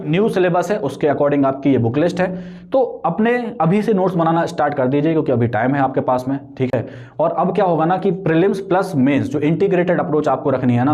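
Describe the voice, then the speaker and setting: A man's voice: a little high, dark tone. A young man giving casual, explanatory advice on exam preparation, talking conversationally and checking in with frequent tag questions. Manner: conversational, frequent tag questions, mixes English terms into Hindi. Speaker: exam coaching vlogger.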